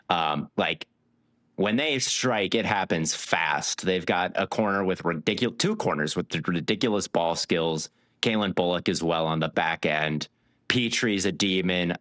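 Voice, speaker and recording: Deep-voiced man breaking down stats. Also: no echo, clean studio sound. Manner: stat-heavy, animated analysis. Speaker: podcast co-host. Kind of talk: casual sports chat.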